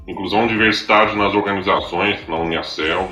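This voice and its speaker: A man in his forties from southern Brazil, a podcast guest talking in a relaxed, joking way and often ending phrases with a tag question. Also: low-pitched, a little fast, reverberant, faint music behind. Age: 40s. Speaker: speaker and writer, podcast guest. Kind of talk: casual conversation.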